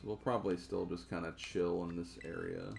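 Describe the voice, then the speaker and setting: A man's voice: low voice, little pitch movement, fairly quick, gravelly, darkish tone, soft background music. A young man streaming a game, chatting casually in a loose, rambling way full of fillers. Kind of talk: casual gameplay chat.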